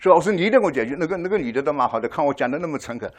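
An older man giving a testimony sermon to a congregation, telling his story with animated voices and often asking the listeners "right?". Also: on the high side, very fast. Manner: frequent rhetorical "right?" to the audience.

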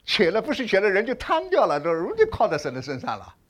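A man preaching a sermon, asking the congregation questions, swinging between loud exclamations and hushed asides. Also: high voice, fast talker. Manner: animated, rhetorical questions to the congregation.

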